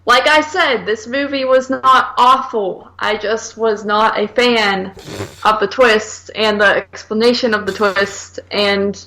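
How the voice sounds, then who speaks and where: On poor audio, a woman with a medium-pitched, bright and forceful voice talks slowly while co-hosting a movie review podcast. Her speech is casual, combative and slangy, blunt and exasperated, and heavily sprinkled with "like."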